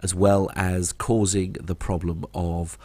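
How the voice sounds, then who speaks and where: A man's voice: low voice, little pitch movement, takes it slowly, warm tone, slightly rough, dry recording. A man with a British accent co-hosting a podcast, talking through news stories in a casual, wry, self-interrupting way. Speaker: podcast co-host. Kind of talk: casual news chat and commentary.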